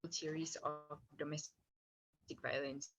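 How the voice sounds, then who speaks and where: A woman's voice: low-pitched, flat delivery, unhurried, fairly bright tone. A young woman gives a student presentation over a video call whose connection keeps breaking up. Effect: choppy, breaking-up video call connection. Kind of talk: online class presentation.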